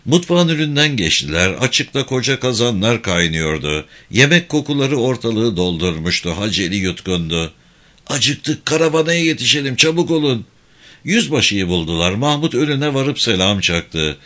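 A man reading a novel aloud, narrating lively and putting on voices for each soldier. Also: fairly low pitch, normal speed, few pauses. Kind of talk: audiobook reading of a war novel.

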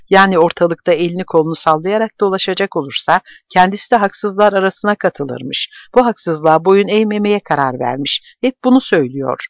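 A man's voice: high-pitched, no echo, voice pushed up. A man voicing a distraught middle-aged woman who sobs as she explains. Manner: sobbing, pleading. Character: tearful middle-aged woman, anxious wife.

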